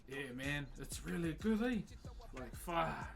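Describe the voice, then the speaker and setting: A man's voice: a little high, animated, takes it slowly, creaky, music in the background. A man with a broad New Zealand accent chatting casually to livestream viewers in a laid-back, slangy, matey way. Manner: laid-back, slangy, addressing viewers as bro and mate-like pals. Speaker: livestream host, woodcarver.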